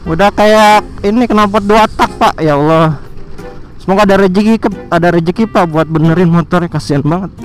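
This motovlogger, a young man in city traffic, runs a casual, joking commentary full of slang and jabs at other riders. His voice sits high and moves fairly quickly. The recording is low quality, with soft music underneath.

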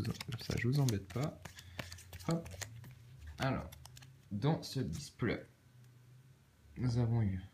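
A man with a Swiss French accent, calmly muttering card names and soft exclamations as he opens packs in a casual vlog. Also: mid-range voice, a little hiss or hum. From Switzerland. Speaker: card-opening vlogger. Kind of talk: casual commentary while opening cards.

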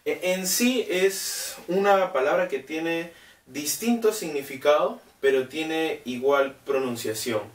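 A man's voice: on the high side, slow pace, recorded from a distance. Spanish-speaking teacher man in a roomy room. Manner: explains step by step, checking with "¿cierto?"; hesitant, many "eh" fillers. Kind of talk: recorded class lesson. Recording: roomy, away from the mic.

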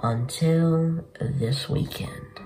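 Talking extremely slowly, a young gaming host with a slightly high, darkish voice gives relaxed, slangy commentary to his viewers. He's indoors in a small bedroom, with music in the background.

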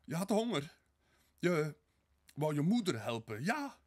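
A man reads a desperate young woman who pleads and cries out in disbelief. The voice climbs high and loud above his own, with a husky, breathy edge. It is an audiobook reading. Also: moderate pace. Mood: distraught. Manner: pleading, high-pitched and frantic.

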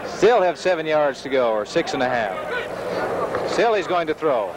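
A man's voice: on the high side, very animated, unhurried, over a noisy crowd. An American man calling live football play-by-play on a 1970s TV broadcast from an indoor stadium. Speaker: play-by-play sportscaster. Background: loud stadium noise.

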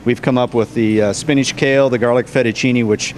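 In a casual interview, an American cafe owner in his forties describes his business while standing behind the counter indoors. His mid-range voice is brisk and darkish, with fairly even intonation. The interviewer's handheld mic captures him along with clear background noise from the location.

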